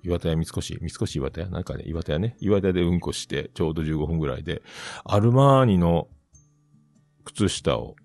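A man with a hosts a casual solo podcast, rambling through a story and acting out the other people in it. His voice sits low, but it swoops around a lot. The recording is dry and close, with faint music underneath. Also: lively intonation, brisk, vocal fry, darkish tone, no echo. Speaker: podcast host.

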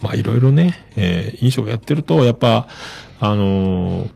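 A man hosting a podcast, chatting casually as he reads out listener messages with many relaxed fillers. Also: fairly low pitch, moderate pace, vocal fry, breathy edge. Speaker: podcast host.

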